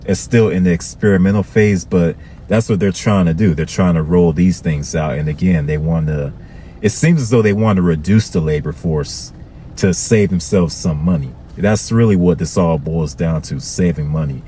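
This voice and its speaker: A man's voice: deep voice, normal speed, mellow, slight background noise. A man from Florida, talking casually to his viewers and often checking in with "okay". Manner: conversational, repetitive, addresses viewers with "okay". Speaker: vlogger.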